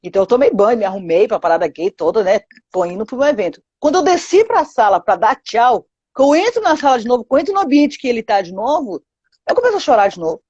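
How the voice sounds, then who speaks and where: A woman's voice: fairly high pitch, sing-song, fast, a little mellow, slightly rough, no echo, muffled recording. A woman with a Brazilian Portuguese accent telling her testimony to a pastor in an interview, acting out quoted dialogue with lots of 'sabe?'. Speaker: guest giving a testimony.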